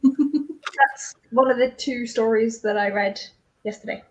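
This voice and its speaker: Higher-voiced woman, teasing and chatty. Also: a little slow, poor audio. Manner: animated, teasing, laughs a lot. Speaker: guest on a reading stream. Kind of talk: casual chat on a livestream.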